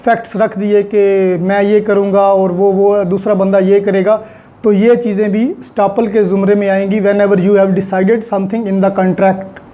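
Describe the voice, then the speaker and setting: Teaching law in Urdu sprinkled with English legal terms, a lecturer with a Pakistani accent lays things out step by step and uses examples. The voice is mid-range and warm.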